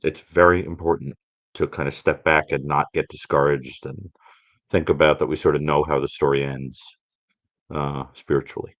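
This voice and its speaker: As a guest expert on a live stream, this man reflects aloud, musing and emphatic, often halting and repeating himself. His pitch is extremely low, his delivery flat, and his tone a bit bright. The audio is dull with no echo.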